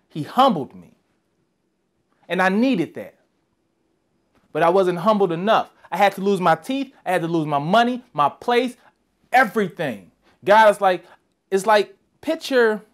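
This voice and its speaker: A young man, a motivational speaker, telling a personal story with animated delivery and acted-out voices. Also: sits high.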